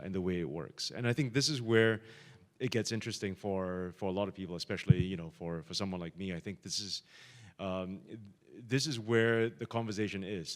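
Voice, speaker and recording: A man with a very low voice answers an audience question on a panel. He speaks emphatically and with energy, in short bursts of speed. The long reverb of a conference hall surrounds his voice.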